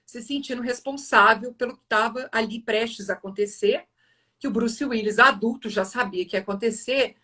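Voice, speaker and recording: A Brazilian woman hosting a live series earnestly retells a film scene, halting and restarting often. Her voice sits on the high side with a sharp tone, and it was picked up from a distance.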